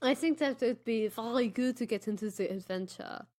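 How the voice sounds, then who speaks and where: She speaks on the high side at a moderate pace, her tone a little mellow, while casually and enthusiastically bantering as host and player on a tabletop game podcast. Her delivery is emphatic.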